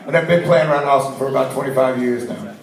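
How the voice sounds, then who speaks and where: Playful singer, colloquial; roomy studio, slightly distant. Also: male voice, mid-range voice, fast. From Texas. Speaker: singer guest.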